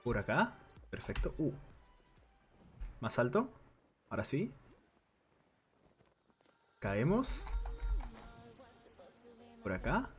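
A man narrates his own gameplay for a game guide, talking through each step in a relaxed, chatty way. His pitch swings widely as he reacts. Soft music plays faintly behind him. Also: extremely slow, long pauses. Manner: thinks aloud while playing, chatty and conversational. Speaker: video game guide creator. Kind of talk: casual gameplay commentary.

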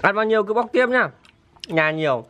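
A woman's voice: mid-range voice, lively intonation, fairly quick, fairly bright tone. A woman chatting casually as she hosts an eating video, talking with food in her mouth that burns from the spice. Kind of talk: casual chat. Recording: noisy handheld recording with clicks.

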